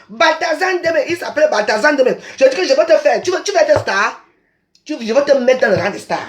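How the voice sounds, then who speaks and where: A Cameroonian woman speaking French with a Cameroonian accent, a social media personality, launches into an aggressive live rant on a social network. Her high voice is combative and insulting, and she repeats her insults. It was recorded on a phone with a roomy echo.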